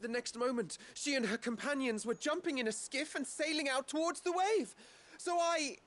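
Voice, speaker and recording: A man's voice: extremely high pitch, moderate pace, a bit bright. An actor playing a lovelorn male suitor in a video game, with flowery, theatrical delivery. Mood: lovelorn, earnest.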